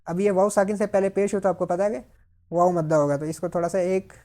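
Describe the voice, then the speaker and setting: A woman teaching Quran reading, sounding out syllables slowly and loudly, then explaining quickly in between. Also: fairly low pitch, steady tone. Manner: drawn-out loud syllables alternating with quick explanations. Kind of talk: slow syllable-by-syllable recitation drill with explanations. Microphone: mic.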